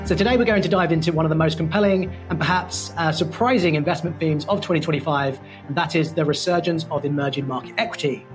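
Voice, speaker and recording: A man with a London English accent hosts a studio podcast, his voice sitting a little high for a man. His delivery is polished, playful and wordy. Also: quick pace, hardly any pauses, music in the background. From England. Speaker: podcast host. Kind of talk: corporate podcast hosting.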